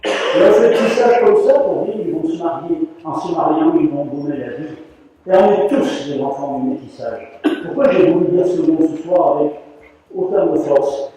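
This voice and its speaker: An older rug weaver tells stories to an audience in a large hall, animatedly acting out the voices of the people in them. His voice is fairly high and moderately paced. The recording is dull and echoey, captured from far off, with slight background noise.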